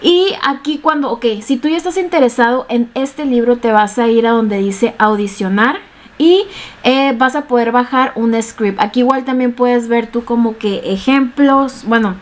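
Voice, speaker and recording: A young woman with a slightly high voice talks through a screen-share tutorial. She explains things step by step in a chatty way, full of fillers. The sound comes from a webcam mic in a small room at home. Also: moderate pace. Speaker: online tutorial host.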